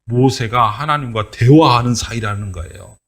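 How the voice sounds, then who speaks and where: A man's voice: mid-range voice, moderate pace, a bit bright. A man giving a children's sermon as a pastor, telling a Bible story and asking the children questions.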